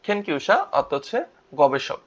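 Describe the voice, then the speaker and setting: Male language teacher, slightly high voice, patient drilling, repeats each word, dull lo-fi recording. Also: lively intonation, normal speed. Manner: repeats words, asks and answers his own questions. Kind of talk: vocabulary lesson with spelled-out syllables.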